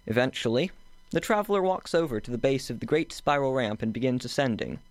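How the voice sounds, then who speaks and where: A young man, a student, reading his own short story aloud at a measured, steady pace. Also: mid-range voice, no echo. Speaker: student author.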